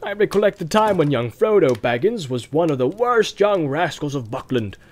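A man voicing a gruff, hearty hobbit farmer in a storybook reading, with a growl and rustic, folksy talk. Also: on the high side, big pitch swings, normal speed, a little mellow. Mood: shrewd, genial. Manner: rustic, folksy turns of phrase. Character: gruff, hearty, thick-set hobbit farmer, suspicious but welcoming.

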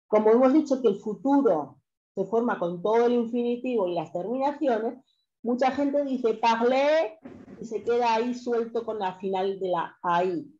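A woman teaching a language class over a video call, patient and explanatory, pausing often to check that everyone follows. Her voice is mellow and low-key. The audio is dull and lo-fi, like a compressed online class. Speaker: French teacher.

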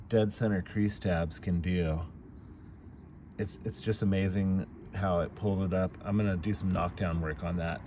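A man doing dent repair outdoors, explaining his work in a relaxed, casual way as he films on a phone. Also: low-pitched, a little hiss or hum. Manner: relaxed, explanatory, talks between tasks. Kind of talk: casual how-to narration while working. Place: outdoors in a parking lot beside a car.

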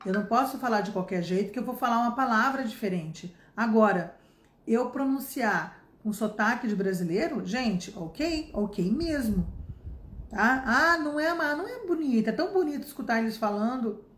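A woman's voice: fairly high pitch, expressive, normal speed, echoey room. A Brazilian woman in her fifties, an English teacher giving a casual spoken lesson, chatty and emphatic with many tag questions. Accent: Brazilian Portuguese. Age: 50s.

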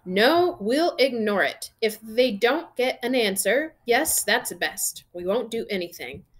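A woman's voice: on the high side, lively intonation, unhurried. A woman voicing a blustering, bullying middle-aged uncle in a storybook, barking and sputtering. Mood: agitated, resolute.

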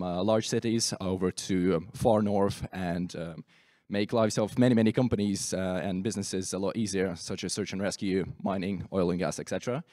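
A man from the United Kingdom giving a steady short pitch for his company from the audience, with many hesitations, on a handheld mic in a large chamber. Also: dry recording, clean studio sound. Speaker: startup representative.

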